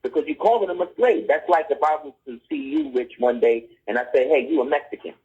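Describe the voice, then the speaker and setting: Quick and sing-song, this middle-aged man's slightly rough voice sits on the high side as he lectures conversationally on a podcast. He presses his arguments, repeatedly asking "you see what I'm saying?" The recording sounds dull and lo-fi.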